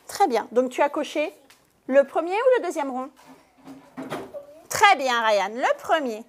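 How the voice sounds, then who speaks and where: A woman teacher giving a lesson to young pupils in a classroom, speaking slowly and clearly and stressing each syllable. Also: high-pitched, sing-song, a little hiss or hum. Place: primary school classroom.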